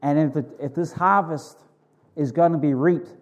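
A man's voice: on the high side, moderate pace, lo-fi sound. A man preaching a sermon to a congregation in an informal, conversational way, repeating phrases for emphasis.

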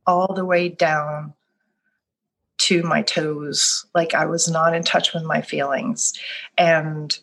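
Her voice is low with little pitch movement and a slow pace as this middle-aged Swedish life coach, a native Swedish speaker, answers an interview question reflectively. She talks softly and thoughtfully about her path, restarting often.

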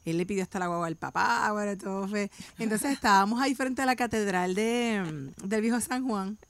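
A woman's voice: mid-range voice, a little fast, dry recording. A woman telling a casual story on a chat panel, often saying "o sea". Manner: lively, fills with "o sea" and acts out quotes. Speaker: panel guest.

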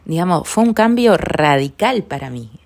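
With a strikingly low voice and a Rioplatense Spanish accent, a middle-aged woman reflects on her own story in an unhurried, podcast-host manner, her intonation lively. She comes across as soft, sincere and heartfelt, frequently letting her voice drop to an almost whispered hush.

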